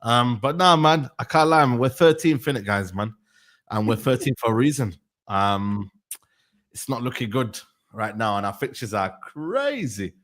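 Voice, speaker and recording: Animated roadman-style man. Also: medium pitch, moderate pace. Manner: defensive, restating his points. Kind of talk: casual football debate.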